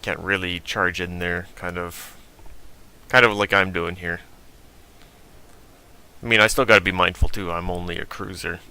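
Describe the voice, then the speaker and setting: A man giving relaxed, casual commentary over a game replay, thinking aloud with fillers. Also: low-pitched, moderate pace, gravelly, long pauses, clear, resonant tone. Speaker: gaming video host.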